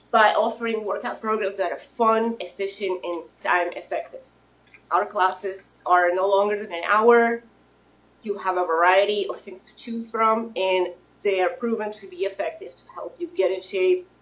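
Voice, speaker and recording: In a rough recording, a Russian woman in her thirties with a mid-range voice pitches her fitness business to a live audience. Her delivery is friendly and informal, full of restarts and fillers.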